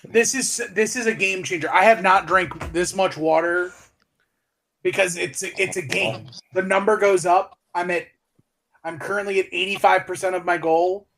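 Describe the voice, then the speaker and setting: High-voiced excitable male co-host. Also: normal speed, vocal fry, a little hiss or hum. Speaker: podcast co-host. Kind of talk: casual banter among friends.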